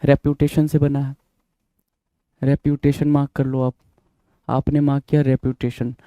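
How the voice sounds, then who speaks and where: A man's voice: mid-range voice, flat delivery, normal speed, warm tone, clear, resonant tone, dry recording, dull audio. A man with an Indian accent teaching vocabulary, repeating each word, spelling it out letter by letter and quizzing the viewer. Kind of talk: vocabulary lesson in Hindi-English mix.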